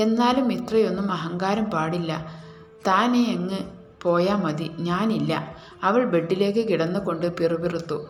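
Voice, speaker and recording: A woman's voice: fairly low pitch, reverberant. A woman with a Malayali accent reading a romance story aloud, voicing both the husband and the wife in the dialogue. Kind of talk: scripted romance narration.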